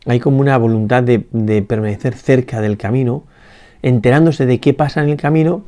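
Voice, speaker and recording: Mellow-voiced man giving a reflective meditation. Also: mid-range voice. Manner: unhurried and reflective, with many pauses, restarts and tag questions. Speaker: priest. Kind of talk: spoken meditation on a Gospel passage. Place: parish church.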